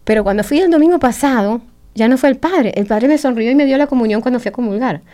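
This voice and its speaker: A middle-aged woman with a Venezuelan Spanish accent, her voice sitting on the high side. She tells her story casually and with energy, and she acts out other people's remarks as she goes. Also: fast talker. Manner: animated, chatty, acts out quoted remarks. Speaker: radio show speaker.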